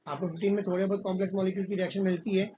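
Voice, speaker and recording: High-voiced man teaching chemistry class. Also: flat delivery, rapid-fire. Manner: asks questions and answers them himself, repeats key points; calls students "beta", fatherly. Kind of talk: classroom lesson. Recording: dull lo-fi recording with faint background noise.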